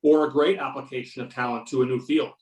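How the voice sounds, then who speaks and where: In an amateur readers theater over a video call, a man lightly acts as an earnest, argumentative UFO-believing agent, keen and insistent. He talks fast in a steady, mid-range voice, and the conference mic sounds distant and roomy.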